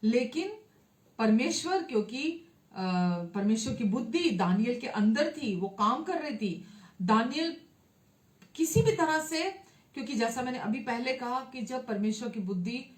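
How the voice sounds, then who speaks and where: A woman pastor giving a sermon, reading scripture aloud and then explaining it in her own words, with frequent pauses and amens. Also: a little high, expressive, echoey room.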